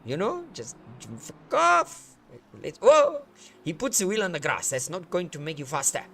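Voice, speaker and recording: A man giving playful, excitable live commentary on a sim race, joking and swearing as the action unfolds. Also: sits high, normal speed, vocal fry. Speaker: sim racing commentator, streamer.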